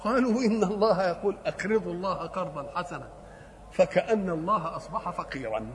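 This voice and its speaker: A man's voice: sits high, animated, quick pace. An older man with an Egyptian accent preaching a sermon, asking rhetorical questions and answering them himself. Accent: Egyptian Arabic. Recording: hall reverb with faint noise.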